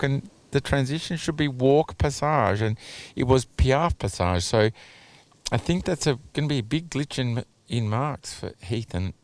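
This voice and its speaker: Over video, a man offers measured, analytical commentary on a dressage test, softening his judgments with "you know" and "a little bit." His voice is medium-pitched and a little mellow, with no echo.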